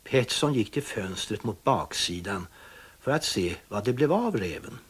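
A man reading a children's story aloud with expressive, dramatic storytelling. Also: on the low side, breathy edge.

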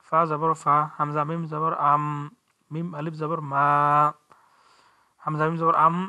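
A man with a Bangladeshi Bengali accent gives a recitation lesson at an unhurried pace. He spells out every letter and vowel, then recites the verse in a drawn-out way. His voice is bright and clear, and his pitch stays flat and steady. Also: lo-fi sound. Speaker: Quran recitation teacher.

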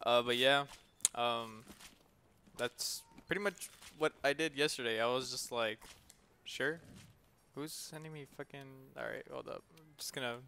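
A man's voice: mid-range voice, normal speed, bright, forceful tone, slight background noise. Young man rambling over gameplay, swearing. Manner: rambling, swears a lot, laughs often. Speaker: gaming video host. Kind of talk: casual gameplay commentary. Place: at home. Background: game music.

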